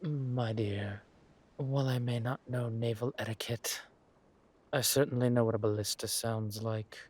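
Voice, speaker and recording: A man plays a suave, menacing villain king in a roleplay audio drama, doting on his lover in a smooth, teasing, courteous drawl. His natural, mid-range voice stays steady and unhurried, a little mellow, with a wry mood.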